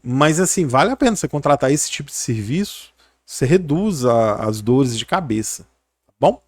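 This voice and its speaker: A man's voice: medium pitch, lively intonation, normal speed, no room sound, clean studio sound. A middle-aged man, talking casually and rambling to camera, full of fillers and tag questions. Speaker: physiotherapist YouTuber.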